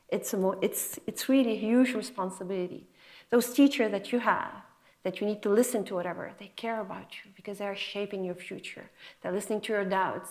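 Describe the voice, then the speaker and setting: With a mid-range, slightly mellow voice, a middle-aged woman of Lebanese and French background delivers a motivational guest lecture to students. She is a physician scientist, and her tone is encouraging, conversational, and emphatic.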